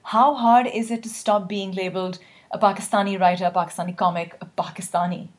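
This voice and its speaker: Quick-talking woman asking questions, chatty, mid pitch. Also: fairly even intonation. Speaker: interviewer. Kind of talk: casual interview conversation.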